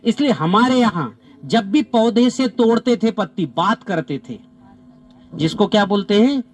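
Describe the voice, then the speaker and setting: A man leading a natural farming training outdoors on farmland, animated and repeating short commands to participants. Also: sits high, a little slow. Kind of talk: live outdoor demonstration with participants. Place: outdoors on farmland under trees.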